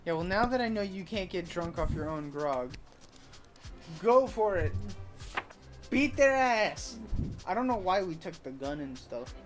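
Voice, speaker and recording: A woman's voice: fairly low pitch, a little fast, hardly any pauses. A woman giving casual, candid, offhand commentary as she plays a game. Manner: candid, offhand, mild swearing. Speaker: gamer commenting on a playthrough. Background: game music.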